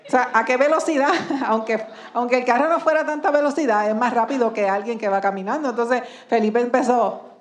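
Woman preacher, slightly high voice, questioning, reverberant church hall. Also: a little fast. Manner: asks the congregation many rhetorical questions. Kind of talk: sermon.

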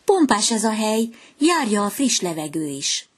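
A woman's voice: mid-range voice, big pitch swings, pitched above the performer's own voice. A woman voicing a fussy little swallow. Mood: proud. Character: chatty fickle young male swallow.

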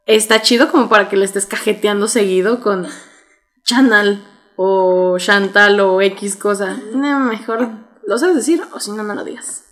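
A woman's voice: medium pitch, measured pace. A young woman with a Mexican accent, co-hosting a podcast in casual chat, blunt and teasing. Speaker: podcast co-host.

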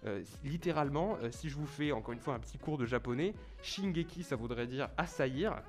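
Upbeat male quiz host, slightly high voice. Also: animated, brisk, soft background music. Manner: explains at length, mock-formal asides. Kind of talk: playful quiz hosting.

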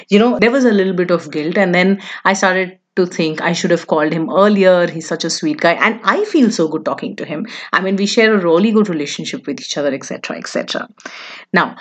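A woman, casually telling a personal story in a chatty, confiding way, with frequent asides to the listener. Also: medium pitch.

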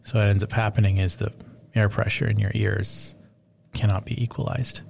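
A man telling a long personal story in casual chat, rambling and animated, full of fillers. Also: lowish voice, moderate pace, creaky, a little hiss or hum.

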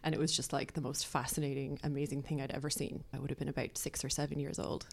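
A woman with an Irish accent, a makeup artist chatting as a podcast guest in a relaxed, talkative way. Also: rumbling low, fast, creaky. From Ireland. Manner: chatty, thinks aloud with fillers. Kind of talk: casual interview talk.

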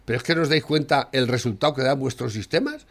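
A man from Spain ranting furiously about politics, swearing and shouting insults. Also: medium pitch, quick pace, creaky. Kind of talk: profane political rant.

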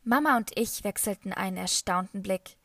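A woman reading a children's novel as first-person scripted narration, in a calm storytelling manner. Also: mid-range voice, normal speed, dry recording, studio quality. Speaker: audiobook reader.

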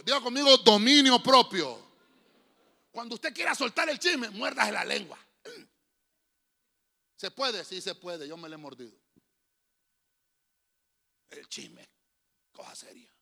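A man preaching a lively sermon to a church congregation in a Honduran accent, quizzing the listeners and swinging from loud calls to low whispers. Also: creaky. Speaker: pastor.

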